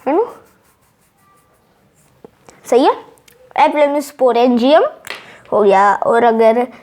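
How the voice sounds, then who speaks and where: Woman teacher, high voice, unhurried delivery, drills each term by repeating it. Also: a little mellow. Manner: repeats key terms slowly, drilling pronunciation. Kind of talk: casual online lesson.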